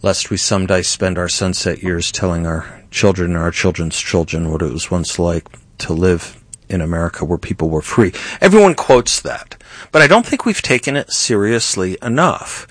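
A man's voice: low-pitched, moderate pace, dry recording. A middle-aged man hosting a political talk show, speaking emphatically and rising to indignant outbursts. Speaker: host.

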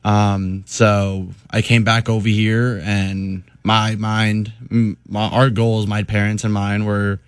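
A young man answering interview questions hesitantly, with many pauses and ums. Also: lowish voice, little pitch movement, clean tone, no room sound. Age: young adult. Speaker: interviewed baseball prospect.

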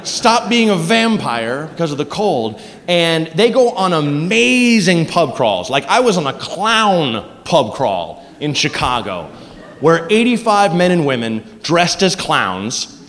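Dude doing standup, voice jumps all over, echoey hall, crowd faint. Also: male voice, fairly high pitch. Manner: lively, storytelling, a bit halting. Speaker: stand-up comedian. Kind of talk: stand-up comedy set. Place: comedy stage before a live crowd.

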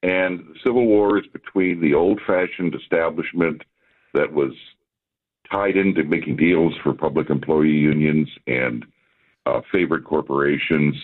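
Heard over a phone line, a man with a deep, rumbling voice joins a radio interview as a guest commentator. He talks at a normal speed in a steady tone, making his points assertively and slipping in wry remarks.

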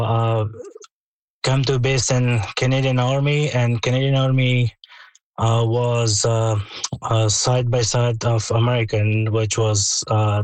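An Afghan man speaking in hesitant, broken English, full of pauses and fillers. His voice stays flat in pitch, and the sound is dry and close. He answers as a guest calling in to a radio interview. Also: no room sound, poor audio. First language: not English. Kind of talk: phone interview. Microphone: phone line.

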